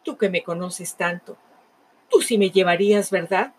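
A woman's voice: on the low side, normal speed, slight background noise, natural voice. A woman voicing Love, a stranded male emotion who pleads and calls out urgently for help. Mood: pleading.

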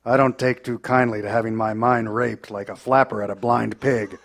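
An actor playing a tough, menacing 1930s American adventurer with a gruff, hard-boiled manner in a live audio drama. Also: male voice, medium pitch, little pitch movement, normal speed.

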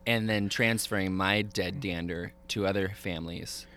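A man co-hosting a podcast outdoors, chatting casually with deadpan, absurd jokes. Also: low-pitched, moderate pace. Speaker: podcast co-host. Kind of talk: casual chat.

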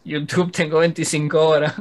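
Casting: young Venezuelan man, slightly high voice, rambling casual podcast co-host. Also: flat delivery, normal speed. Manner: rambling, listing game hours with laughs. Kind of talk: casual chat.

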